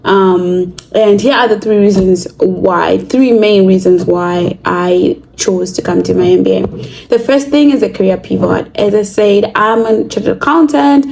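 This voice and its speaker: A young woman from Zimbabwe talks to camera in a casual vlog. Her voice is mellow and warm, and she sounds earnest and thoughtful. A faint hiss sits under the recording. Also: medium pitch, measured pace, creaky, low-quality recording. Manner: earnest, reflective, with fillers. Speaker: vlogger.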